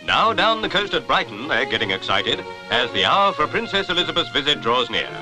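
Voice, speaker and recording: A man narrates scripted 1950s newsreel commentary in a British Received Pronunciation accent, jaunty yet formal and clipped. His mid-range voice moves briskly, with big swings in pitch. The recording is a rough vintage newsreel soundtrack with music in the background.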